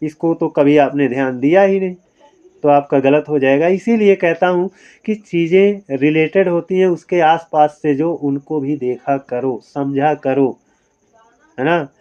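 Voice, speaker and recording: मृदु स्वर वाला हिंदी व्याकरण शिक्षक, "है ना" दोहराते. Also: male voice, fairly high pitch, steady tone, unhurried, mellow, dull audio. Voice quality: frequent tag question "है ना", rhetorical questions, motivational asides. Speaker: Hindi grammar teacher. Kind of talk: online exam-prep lesson.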